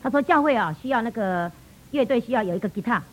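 Lively Taiwanese woman telling a testimony. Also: fairly high pitch, fast. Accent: Taiwanese Mandarin. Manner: lively storytelling, acting out family dialogue. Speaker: church speaker giving testimony. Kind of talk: personal testimony storytelling. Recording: muffled lo-fi recording.

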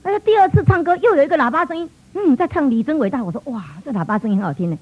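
A middle-aged woman with a Taiwanese Mandarin accent tells a church testimony at a brisk, tumbling pace, in a voice pitched somewhat high. She brings the story to life by acting out what her relatives and children said. The recording is muffled and lo-fi. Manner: lively storytelling, acting out family dialogue. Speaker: church speaker giving testimony.

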